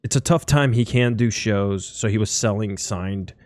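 A man's voice: fairly low pitch, moderate pace, a little mellow, no echo, clean studio sound, faint music behind. A man hosting a podcast, talking casually in a rambling, enthusiastic way. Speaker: podcast host. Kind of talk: casual interview chat.

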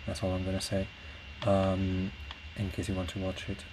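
In a low voice at a moderate pace, a Portuguese-speaking man hosts a solo podcast, rambling in a relaxed way. He also sings classical music. He comes across as reflective and unsure, stopping to find words, recorded clearly against steady background noise.

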